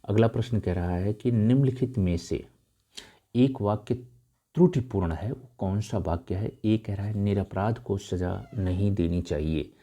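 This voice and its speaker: Man, exam tutor, very dark mellow tone, lowish voice, slow option reading, brisk explanations. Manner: reads options slowly, then explains corrections briskly; addresses viewers as dear friends. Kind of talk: exam answer walkthrough.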